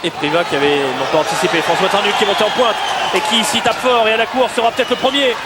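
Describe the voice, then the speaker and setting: A man calling live rugby in an urgent, excitable, surging style like a motorsport commentator. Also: sits high, fast. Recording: loud stadium crowd and noise behind. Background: roaring match crowd.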